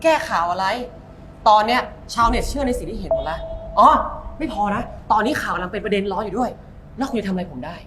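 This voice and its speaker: Smug, lecturing reporter. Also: male voice, high voice, lively intonation, fast, heavy background noise. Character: smug male reporter who twists the news.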